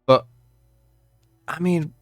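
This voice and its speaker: A man delivering an unscripted commentary rant, exasperated and incredulous, moving between measured explanation and worked-up emphasis. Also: no echo, clean studio sound, soft background music. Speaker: video creator ranting about card game balance.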